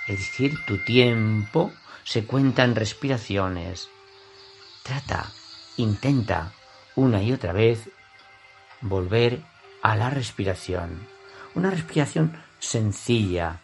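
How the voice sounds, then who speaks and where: This male yoga instructor, accented from Spain, guides his class in a fairly low voice with some vocal fry. He moves very slowly and calmly, pausing with intention after each brief phrase.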